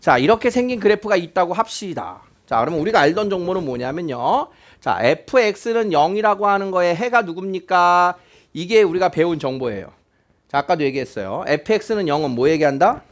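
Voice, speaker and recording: High, animated and brisk, a man's voice delivers a classroom math lecture. This teacher explains the lesson while posing questions and going back over key points so he knows the students are keeping up.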